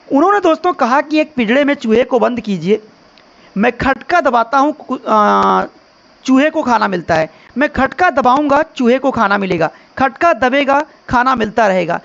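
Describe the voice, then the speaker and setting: High-voiced, gravelly male coaching teacher. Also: a bit bright, highs cut off. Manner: addresses viewers as friends, quizzes them with rhetorical questions. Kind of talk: online exam-prep lesson.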